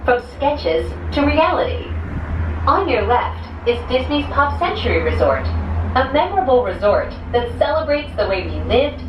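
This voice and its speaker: A woman's recorded announcement played over a gondola cabin loudspeaker, polished, measured and welcoming. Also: sits high, very animated. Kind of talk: scripted public announcement. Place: inside a moving gondola cabin. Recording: echoey, distant loudspeaker with ride noise.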